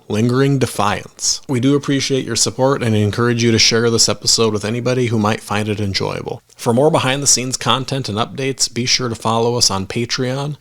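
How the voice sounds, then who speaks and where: A man reading a scripted horror story as a podcast narrator, in a measured, grave manner. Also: mid-range voice, a bit bright.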